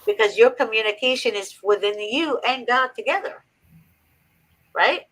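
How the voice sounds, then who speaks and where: A woman's voice: fairly high pitch, normal speed, a bit bright, rough recording. A woman from Egypt hosting a faith-based advice talk, earnest and preachy with emphatic repetition. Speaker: host.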